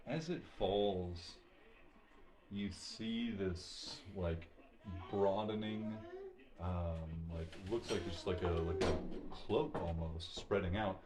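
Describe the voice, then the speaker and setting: A man narrating as game master, relaxed and rambling, with lots of fillers. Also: sits low, slow.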